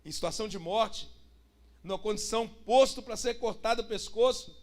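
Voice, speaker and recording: A man's voice: high-pitched, normal speed. A pastor, preaching a sermon and putting rhetorical questions to his congregation. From Brazil.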